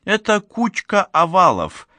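A man reading the part of a wary, skeptical young woman in an audiobook, voicing her sharp, doubting questions. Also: lowish voice, unhurried, no room sound. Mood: scornful.

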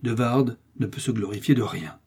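A man reading aloud and playing a bold young swordsman, gallant and teasing, in a husky, dark voice. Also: mid-range voice, normal speed. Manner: gallant, mocking confidence.

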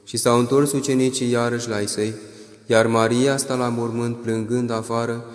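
A solemn man reads scripture in a measured liturgical way, with lines that drift into chant. His pitch stays flat and even. The sound is roomy, with a long hall reverb trailing each phrase. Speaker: scripture reader.

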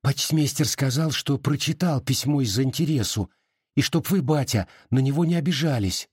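A man reading an audiobook voices a frightened young peasant daughter, hurried and anxious, with a husky tone. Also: mid-range voice, a little mellow, no echo, studio quality, voice pushed up.

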